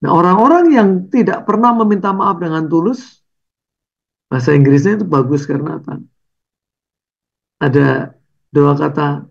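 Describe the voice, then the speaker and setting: A man's voice: fairly high pitch, vocal fry, lo-fi sound. A man preaching a conversational sermon over slides, tagging his phrases with "ya" and "gitu".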